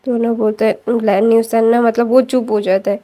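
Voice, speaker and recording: A woman casually retelling a fan story, chatty, linking sentences with fillers and quickly correcting herself. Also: on the high side, steady tone, mellow.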